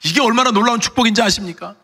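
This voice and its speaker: A middle-aged man preaching a sermon as pastor, animated, acting out the voices he quotes. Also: extremely high pitch, rapid-fire. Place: church sanctuary. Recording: long church reverb.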